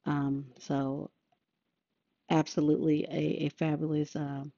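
Low, mellow woman chatting on a podcast. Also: little pitch movement, slow, creaky, no room sound. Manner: laid-back, rambling with many fillers. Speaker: podcast host. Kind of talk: casual podcast monologue. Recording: dull lo-fi sound.

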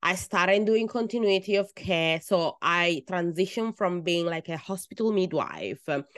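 A woman in her thirties, a midwife with an Italian accent, narrates her own experiences on a podcast in a lowish, expressive voice. Her delivery is earnest and softly emphatic, with pauses between phrases, captured in studio quality without echo.

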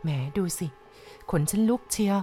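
Woman doing a hushed, frightened village woman. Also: normal speed, soft background music, close to an everyday voice. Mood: fearful. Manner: hushed, half-whispered telling.

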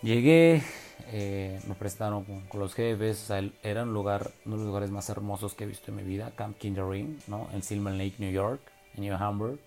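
A man's voice: on the low side, moderate pace, gravelly, darkish tone, soft background music. A young man from Oaxaca with a Mexican Spanish accent, telling a personal story in a casual, slangy way with many fillers and tag questions.

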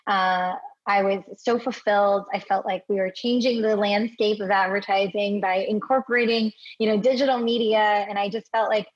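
A woman in her thirties from Hawaii talks as an interview guest at a middle pitch. She is chatty and checks in with "right?" and "you know" as she tells her story. The audio sounds slightly dull and lo-fi. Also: steady tone, moderate pace. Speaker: podcast guest.

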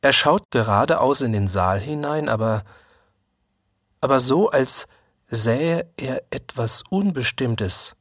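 A man reading a literary story aloud in a calm, measured manner. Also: mid-range voice, no room sound, studio quality. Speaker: narrator.

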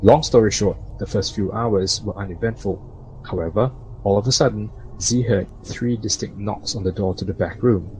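A man's voice: on the low side, normal speed, background noise. A man reading a scripted ghost story as a narrator.

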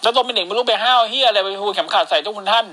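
A man's voice: sits high, racing, sharp tone, a little hiss or hum. A man with a Thai accent co-hosting a podcast, recapping wrestling in crude, joking casual chat and acting out lines. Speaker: podcast co-host.

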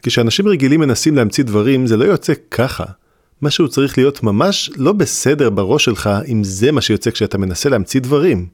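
A man voicing a clever, sarcastic young boy wizard in an audiobook reading, with a dry, deliberate delivery. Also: medium pitch, animated, husky, dry recording, voice pushed up. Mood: sardonic. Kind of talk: audiobook character voice.

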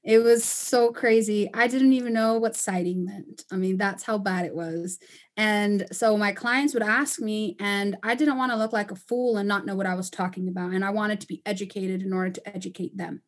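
A woman's voice: mid-range voice, fairly even intonation, normal speed. A woman from Panama and Costa Rica, a native Spanish speaker, talking candidly as an interview guest with frequent fillers. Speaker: construction company owner, guest. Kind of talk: casual interview.

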